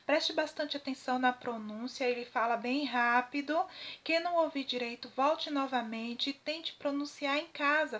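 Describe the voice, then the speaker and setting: Brazilian lady teacher, high voice, keeps asking "right?" while she explains stuff slowly. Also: a bit bright. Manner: didactic, frequent tag questions. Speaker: English teacher. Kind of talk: classroom lesson, translating a text.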